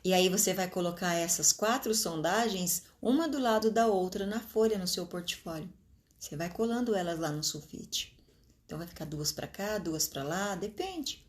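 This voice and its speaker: A woman with a Brazilian Portuguese accent giving an informal talk to fellow teachers, checking in often with quick tag questions and drawing words out slowly for emphasis. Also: on the low side, expressive. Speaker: teacher trainer.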